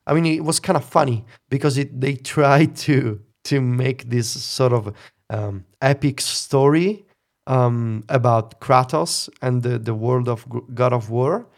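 Gravelly man musing wryly. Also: medium pitch, a little slow. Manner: musing, opinionated, wry laughter. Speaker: podcast co-host. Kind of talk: casual chat.

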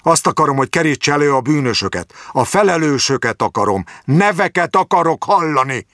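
A furious old man who rants and accuses, wheezing for breath between his raised outbursts, as a male reader puts him on. His voice climbs far above the reader's own, loud and sharp, with a dry, close sound. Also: a little high, big pitch swings, no room sound, voice pushed up. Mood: ranting. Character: fat, paranoid, hateful old man with a cane.

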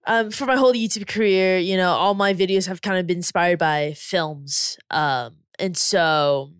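A woman's voice: on the low side, moderate pace, clean tone, no echo, studio quality. A woman guest calling in to a podcast, talking eagerly about her projects with many ums and likes. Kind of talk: casual chat. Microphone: remote call.

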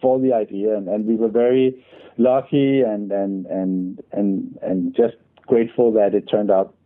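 A man's voice: lowish voice, fairly even intonation, unhurried. A man in his forties from Denmark, speaking English with a Danish accent, a guest in a casual interview who repeats "and" a lot. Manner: many repeated "and"s, restarts. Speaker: guest, company founder. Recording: tinny phone line.

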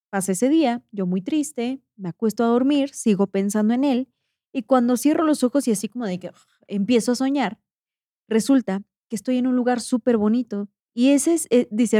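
A woman podcast host with a Mexican accent retelling a guest's ghost story in a lively, slangy way. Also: on the high side, no room sound, studio quality. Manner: animated, slangy, acts out quotes.

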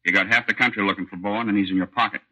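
An actor playing a brusque police superior with a rough, husky voice, in 1950s radio drama style. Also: male voice, on the low side, fairly even intonation, very fast, bright, forceful tone, full character voice, low-quality recording. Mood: brisk, brusque.

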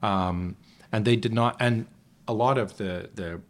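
A man's voice: fairly low pitch, unhurried. A man, a musical theatre actor, talking as a guest in a casual conversation, reflective and rambling, often restarting his sentences.

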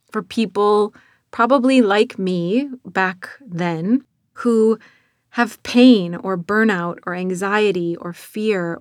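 A woman's voice: medium pitch, dry recording. Earnest woman with a North Dakota accent, close-sounding. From North Dakota, United States. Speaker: author and narrator of own audiobook. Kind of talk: reflective interview about own work.

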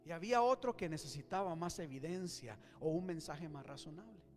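Male pastor, sermon, loud then hushed, long church-hall echo, soft music behind. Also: fairly high pitch, fairly quick. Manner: lively, swings between loud and hushed.

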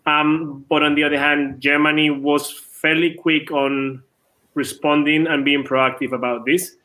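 Tennis club co-owner, male, late 30s, from Venezuela, ringing upper voice, quick with restarts. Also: a little high, little pitch movement, bright, forceful tone. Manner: quick, repeats words at starts. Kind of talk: casual interview.

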